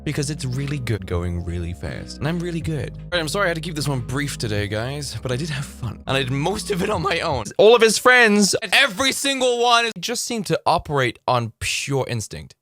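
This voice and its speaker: A man talking casually to camera as a YouTuber, dramatic and theatrical, jumping between hushed asides and loud outbursts, recorded close on the mic. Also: fairly high pitch, very animated, fairly quick, few pauses, no room sound, soft background music. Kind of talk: casual video commentary.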